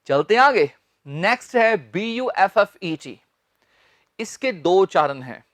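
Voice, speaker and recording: A man teaches English pronunciation in Hindi, spelling words out and asking students to repeat them. His delivery is slow and deliberate, with a lot of rise and fall in pitch. The recording is dry, with little room sound. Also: dry recording. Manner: lively, repeats words slowly and quizzes students. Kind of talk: spoken English lesson.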